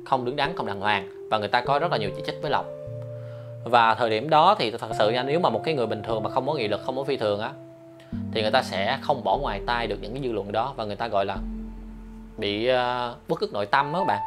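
Male channel host for a commentary vlog, mid pitch, talks straight to the audience, hesitant and chatty, with clear guitar music behind. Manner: frequent hesitation fillers, addresses viewers directly; refers to himself by name in the third person.

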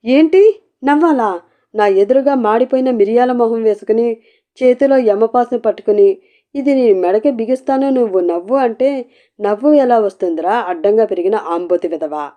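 A woman voicing a furious young bride who shouts scornful insults. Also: on the high side, normal speed, highs cut off, natural voice.

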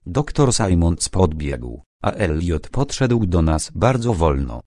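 A man reading a mystery audiobook in a measured, expressive storytelling manner. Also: deep voice, dry recording, clean studio sound. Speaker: audiobook narrator. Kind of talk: scripted narration.

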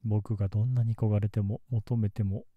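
A man playing a gentle, melancholy young man in love, in a soft, intimate ASMR role-play close to the mic. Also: on the low side, steady tone, fairly quick, no echo, phone-quality sound, lightly acted. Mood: sorrowful. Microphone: close ASMR microphone in a dry space.

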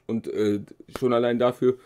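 A man with a dark, mellow voice reacts to a rap song in a relaxed, slangy way. He rambles a little and fills pauses with hesitation sounds. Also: medium pitch, smooth. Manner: slangy, loose, lots of filler sounds. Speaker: music reaction host. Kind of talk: casual reaction commentary.

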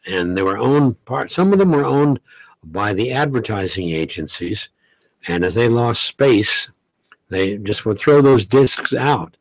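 An older man with a fairly low voice, a longtime radio host, reminisces unhurriedly in relaxed, casual talk at a studio condenser mic on a boom, chuckling as he recalls stories. The recording is dry, and the audio quality is poor.

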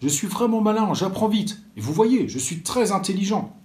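A man's voice: high voice, very animated, moderate pace, a little mellow, pitched above the performer's own voice. A man voicing a timid little peasant boy who turns eager and boastful, in a raised childlike voice.

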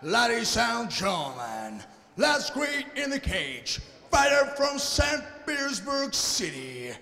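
Echoing, high-pitched male ring announcer. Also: huge pitch swings, creaky, bright, forceful tone, soft background music. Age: young adult. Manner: projected, drawn-out delivery of names. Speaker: ring announcer at an MMA event. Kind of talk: boxing ring announcer, formal fight introductions. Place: inside a cage in a large sports arena. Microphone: handheld microphone over the PA. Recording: echoey arena PA with long reverb.

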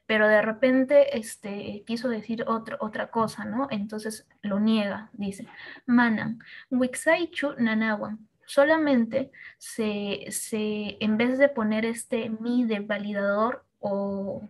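A woman teaching Quechua to medical students in an online class, explaining step by step with many fillers, restarts and checks like "¿no?". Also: mid-range voice.

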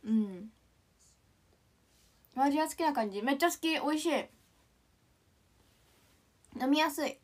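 Giggling and reading viewer comments aloud, this twenty-something woman from Ishikawa, Japan, keeps her livestream chat relaxed. She speaks in a high, animated voice but takes her time, leaving long pauses. Her Japanese is largely standard, though Kansai touches creep in.

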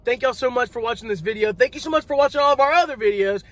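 A man's voice: very high voice, racing, fairly bright tone, dry recording. A young man of about eighteen, talking earnestly to viewers from a parked car and urging them to subscribe, filmed on a phone. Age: late teens. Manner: earnest, preachy at times, plugs the channel. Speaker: vlogger. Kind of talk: casual vlog chat. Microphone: phone camera held on the dashboard.

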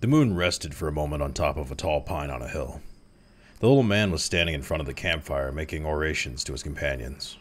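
A man calmly reading a classic short story aloud as narrator. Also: very deep voice, brisk. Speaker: story reader.

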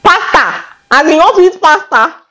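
Playful Nigerian Canadian woman, lively pitch. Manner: teasing, drawn-out word pronunciations. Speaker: host. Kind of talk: playful accent challenge banter.

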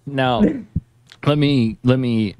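A man's voice: mid-range voice, steady tone, slow, background noise. A man hosting a casual podcast, boisterous and profane, laughing as he talks into a studio mic. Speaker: podcast host. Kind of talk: casual crude podcast banter.

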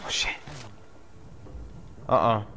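A man giving casual commentary over a video game, cursing and reacting excitedly, talking into a headset. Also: takes it slowly, faint music behind. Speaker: gamer.

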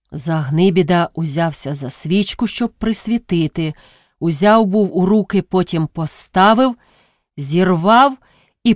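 A woman reading a classic novel aloud as a narrator, measured and dramatic. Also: lowish voice, darkish tone, no echo, clean studio sound. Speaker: audiobook narrator. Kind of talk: expressive literary narration.

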